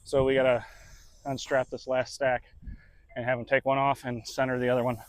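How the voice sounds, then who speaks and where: A man's voice: mid-range voice, little pitch movement, brisk, slight background noise. A truck driver talking casually to his camera while he works, in a laid-back, chatty way with casual swearing. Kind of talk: casual vlog narration.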